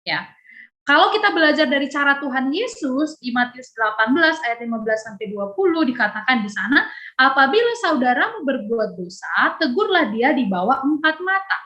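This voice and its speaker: A woman, teaching a youth Bible lesson over a video call. She chats lively, laughs often and acts out dialogue. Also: high voice, moderate pace.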